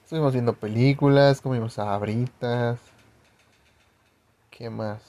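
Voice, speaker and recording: A man's voice: mid-range voice, fairly even intonation, measured pace, mellow. A young man with a Mexican accent telling a personal anecdote in a casual, rambling way, full of slang and swearing. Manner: slangy, profane, rambling storytelling. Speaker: storyteller.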